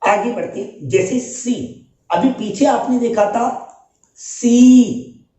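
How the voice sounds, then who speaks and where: A man with a Hindi accent teaching English sounds in an animated style, calling out example words loudly. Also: sits high, unhurried, very echoey, distant mic. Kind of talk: spoken lesson.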